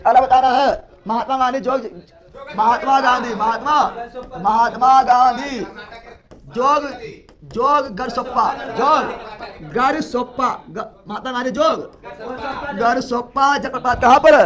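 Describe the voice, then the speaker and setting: A man's voice: very high voice, measured pace, a crowd in the background. A man teaching a classroom, firing the same questions again and again and teasing and scolding his students. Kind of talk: classroom lecture with call-and-response drilling. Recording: noisy classroom with student chorus. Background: students answering in chorus.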